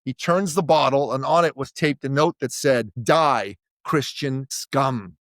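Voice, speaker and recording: A man's voice: medium pitch, normal speed, dry recording, clean studio sound. A middle-aged man from Iran, a podcast guest, telling his family's story in an emphatic, orator-like way. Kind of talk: impassioned storytelling.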